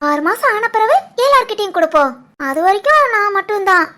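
Cartoon new mom, young and protective, very high voice, Tirunelveli Tamil accent, voiced by a woman. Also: very animated, a little fast, bright, forceful tone, heavily acted. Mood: fond. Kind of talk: animated family story voice acting.

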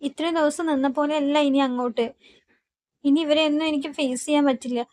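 A woman's voice: high voice, fairly even intonation, a little fast, darkish tone, dry recording, clean studio sound, close to an everyday voice. A woman voicing a remorseful young woman who pleads to be let go from a household in a retold TV serial. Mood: pleading. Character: young woman, guilt-ridden and desperate to leave.

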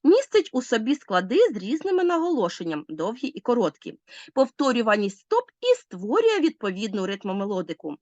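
A woman's voice: fairly high pitch, very animated, brisk, darkish tone, dry recording, muffled recording. A woman teacher explaining a literature lesson step by step, speaking directly to her pupils.

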